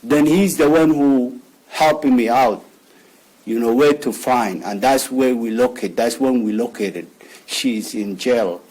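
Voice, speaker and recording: A father gives a statement at a press conference in a husky, breathy voice. He speaks haltingly, stumbling over and repeating words as he works toward his point. His pitch sits in a middle range for a man. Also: a little mellow, rough recording. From Somalia.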